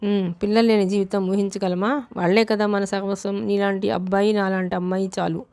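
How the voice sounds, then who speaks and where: A woman's voice: mid-range voice, flat delivery, brisk, darkish tone, clear, resonant tone, dry recording, natural voice. A woman voicing a young man who is an ardent, persistent lover, speaking in an earnest, coaxing way.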